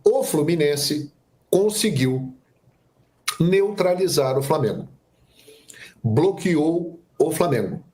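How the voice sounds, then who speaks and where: A man's voice: on the high side, slow pace, long pauses. A man giving opinionated football commentary on a sports show, with a nagging cough. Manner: opinionated, animated delivery.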